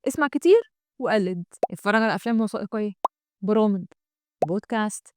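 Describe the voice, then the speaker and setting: An Egyptian woman, an English trainer, giving a lively online lesson, speaking straight to the viewer and modelling English phrases slowly. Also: mid-range voice, dry recording, studio quality. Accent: Egyptian Arabic.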